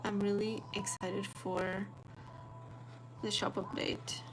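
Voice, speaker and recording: A young Portuguese woman with a Portuguese accent chats casually with viewers on a live stream as she draws a planner spread. Her medium-pitched voice is slow, chatty and relaxed over music, in the manner of a planner artist and vlogger journaling.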